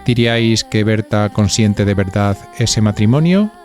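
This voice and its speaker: A podcast host with a Spanish accent from Spain reads scripted narration and asks listeners conversational questions. His voice sits on the low side, with lively intonation, a measured pace and a darkish tone. Soft music plays in the background.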